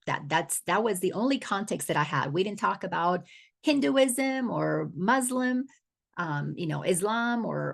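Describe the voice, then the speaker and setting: A woman's voice: on the low side, creaky, a bit bright. A middle-aged woman from the Dominican Republic, an awareness coach giving a spiritual teaching talk, earnest and often restarting her words.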